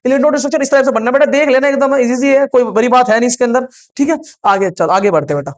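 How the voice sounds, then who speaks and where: A man's voice: very high-pitched, fast talker, lo-fi sound. A male science teacher lecturing an online class. He quizzes his students, repeats each answer, and keeps reassuring them in a coaxing tone. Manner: repetitive quizzing, calls students "beta".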